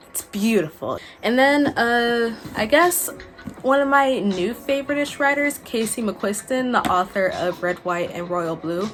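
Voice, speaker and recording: With background music playing, a woman in her 20s gives an informal, emphatic to-camera chat in the manner of a book vlogger. She has a fairly bright, mid-range voice and is indoors in a small furnished room at home.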